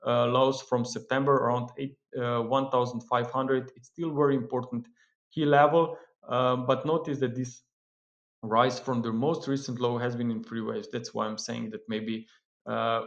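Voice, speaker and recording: A man giving a market analysis commentary in a steady, explanatory way, often pausing with "uh" and "um". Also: mid-range voice, creaky, lo-fi sound. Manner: steady explanatory delivery with frequent "uh" and "um" fillers. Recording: roomy echo.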